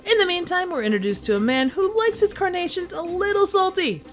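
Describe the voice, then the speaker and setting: A woman's voice: very high-pitched, expressive, a little fast, faint music behind. A woman delivering a scripted comedic review with wry, wisecracking narration. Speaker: film review host.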